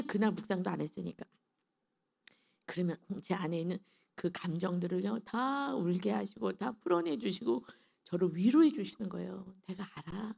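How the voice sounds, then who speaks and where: A woman's voice: mid-range voice, gravelly. A woman pastor giving an early-morning devotional sermon, telling a personal story with feeling and voicing her own inner thoughts.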